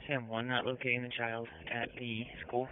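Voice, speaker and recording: A man's voice: mid-range voice, completely flat delivery, moderate pace, clean tone, dry recording. Man on a tinny police radio. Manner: clipped, matter-of-fact radio reporting. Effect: police radio transmission. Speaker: police officer in the field. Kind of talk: terse radio call codes.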